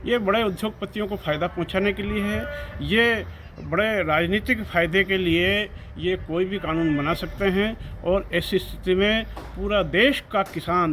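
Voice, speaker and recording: Male guest, high pitch, emphatic and insistent, light background noise. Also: a little slow, a bit bright. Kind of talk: political discussion.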